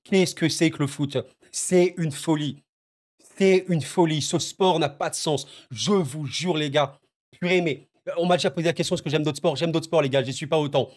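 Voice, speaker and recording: A man's voice: fairly high pitch, normal speed. A man reacting to a football match on his video channel, agitated and emotional, stammering and repeating himself as he talks to his viewers. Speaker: football YouTuber. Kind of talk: excited football reaction vlog.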